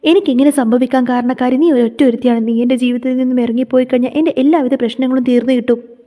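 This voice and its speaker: A woman reading the lines of an angry, bedridden young husband in a serial retelling, in her own quick voice. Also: very high voice, steady tone, dark tone, in a large hall. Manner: resentful, lashing out.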